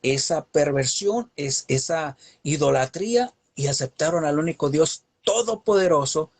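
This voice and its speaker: Rhetorical questions and rising cadences mark this emphatic Bible teaching, given by a man whose fairly high voice is slightly husky. His intonation is lively and his pace measured.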